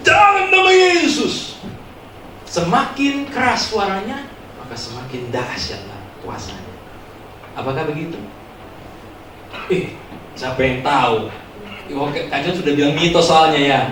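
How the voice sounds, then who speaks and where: A man preaching a joking, animated youth sermon as pastor, acting out loud prayers, in a church hall recording heard from far off. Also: high voice, a little hiss or hum.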